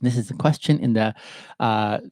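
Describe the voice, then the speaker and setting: A man from Ethiopia hosting a solo podcast, talking through a question in a thoughtful, halting way with pauses and fillers. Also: lowish voice, mellow, no echo. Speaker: podcast host answering viewer questions. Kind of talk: reflective solo livestream talk.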